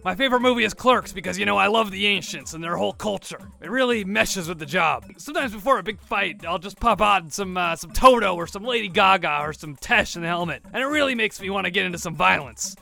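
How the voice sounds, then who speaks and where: A man's voice: sits high, animated, quick pace, gravelly, hardly any pauses, bright, forceful tone, soft background music, full character voice. A man playing a grizzled, hard-drinking space soldier in a comedy radio play, talking in a swaggering, threatening tough-guy growl. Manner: swaggering, threatening, slurs in filler "uh"s. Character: grizzled boozy brawler space soldier, male, belligerent.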